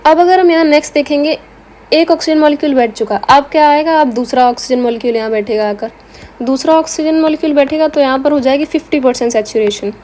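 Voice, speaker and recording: High-voiced woman teaching biology. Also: fast talker, darkish tone. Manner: asks rhetorical questions and answers them herself. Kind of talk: explanatory lecture.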